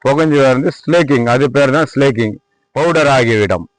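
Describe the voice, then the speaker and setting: At a lime kiln site, a man who makes lime walks the viewer through his workshop, pitching his product in a Tamil Nadu accent. He speaks at normal speed, demonstrating and repeating points while politely addressing the viewer as "sir," on a rough recording.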